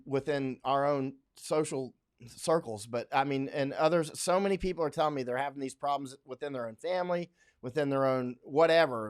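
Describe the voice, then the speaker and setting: A man from Central Florida talking casually on a livestream, rambling with many restarts and fillers. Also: medium pitch. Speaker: livestream host. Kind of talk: casual livestream talk, reading viewer comments. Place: home in Chiang Mai, Thailand.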